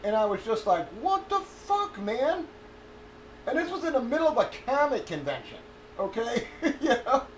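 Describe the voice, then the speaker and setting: A man with a high-set voice chats loosely and profanely, stalling and circling back as he hunts for a name. He sounds like he is in an echoey room. A faint hum of ambience sits underneath. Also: very animated, a little fast. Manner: profane, storytelling, trails off searching for names. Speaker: streamer. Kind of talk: casual rambling chat.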